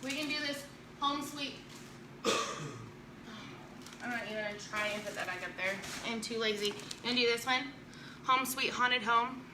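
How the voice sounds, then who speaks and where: A woman's voice: a little high, measured pace, pauses often, noisy background. A woman hosting a casual craft live stream at home, chatting with viewers and joking and laughing a lot. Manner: joking, teasing, laughs often. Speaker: live-stream host demonstrating chalk crafts.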